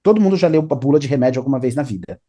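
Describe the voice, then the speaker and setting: A man's voice: medium pitch, lively intonation, very fast, mellow. A man, an English teacher explaining study tips in a casual interview, often adding "né?" and "tá?". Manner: explanatory, repeats 'né?' and 'tá?'.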